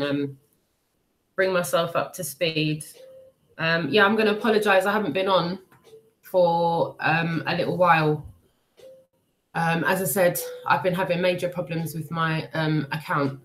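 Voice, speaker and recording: A woman who sounds sick and bunged up, chatting casually and hesitantly to livestream viewers in an apologetic, rambling way. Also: sits low. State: unwell, congested, bunged up with a cold and cough. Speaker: livestream host. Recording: clearly noisy livestream audio.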